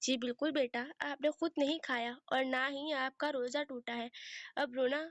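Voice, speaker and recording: A woman's voice: high voice, steady tone, normal speed, no echo, natural voice. A woman voicing a kind, motherly older aunt who soothes and reassures her niece. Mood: soothing.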